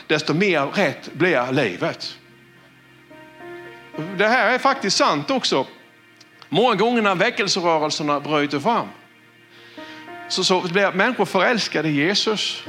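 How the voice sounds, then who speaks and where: A man preaching a sermon as a pastor, earnest, often dropping to a hushed tone for emphasis and repeating words as he restarts. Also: high-pitched.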